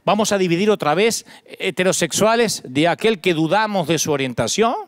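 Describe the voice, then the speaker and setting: Emphatic Argentine preacher, high voice. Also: male voice, animated, moderate pace, no room sound, clean studio sound. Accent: Argentine Spanish. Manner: emphatic preaching, builds lists with rising repetition. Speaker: pastor. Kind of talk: sermon.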